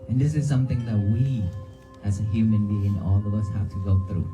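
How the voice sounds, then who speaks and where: Low-voiced monk, Vietnamese accent. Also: male voice, steady tone, fairly quick, warm tone, faint music behind, low-quality recording. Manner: short phrases, asks the crowd questions. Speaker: Buddhist monk giving a talk. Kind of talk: dharma talk to a crowd. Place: outdoors by a church cemetery.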